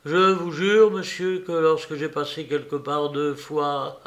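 A man's voice: a little high, level tone, a little slow, a bit bright. A man playing a bold young detective who speaks in a ringing, assured voice. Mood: defiant. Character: bold young male reporter-detective, defiant.

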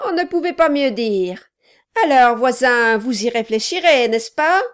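A woman reading aloud voicing a scheming male dwarf who talks loudly and insistently with false friendliness. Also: on the high side, animated, unhurried, pitched above the performer's own voice. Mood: pushy.

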